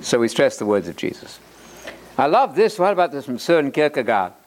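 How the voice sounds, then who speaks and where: A man giving a lively preaching lecture, emphatic and animated, with repeated words and joking asides. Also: medium pitch, brisk, slight background noise.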